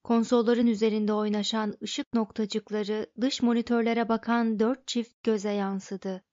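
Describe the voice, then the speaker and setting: A woman narrating an audiobook in a measured, even manner, her voice sitting a little high. The recording is dry with no room sound and slightly dull in tone. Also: dry recording.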